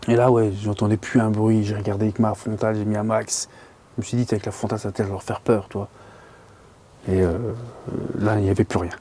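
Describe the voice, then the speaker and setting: A man's voice: on the low side, flat delivery, fast talker, dark tone, a little hiss or hum. A man casually telling a scary fishing-trip anecdote, rambling and colloquial with lots of fillers, sometimes dropping to a whisper. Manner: drops to whispers at tense moments. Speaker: angler telling a story.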